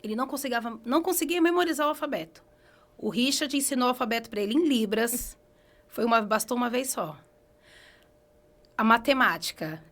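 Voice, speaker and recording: A Brazilian woman hairdresser, a guest on a beauty podcast, telling stories lively with quick laughs. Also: on the high side. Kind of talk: casual podcast interview.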